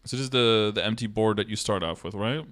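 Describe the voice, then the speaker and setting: Fast and a bit bright, his voice sits on the low side. The man, in his thirties, is a game streamer giving a relaxed step-by-step walkthrough and answering chat questions on a live stream. He speaks into a close mic in an indoor streaming room.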